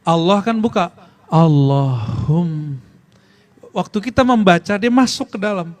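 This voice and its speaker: A man giving an informal religious lesson, talking conversationally, quizzing his listeners and chanting Arabic phrases slowly. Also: sits high. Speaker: preacher teaching a study circle.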